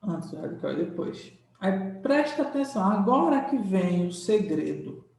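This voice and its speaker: A man's voice: sits high, very animated, gravelly, a little mellow. A man teaching a grammar lesson, explaining patiently and checking in with the class after every point. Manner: drawn-out explaining, frequent "tá?" check-ins. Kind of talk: classroom lecture. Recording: very echoey room, mic far off.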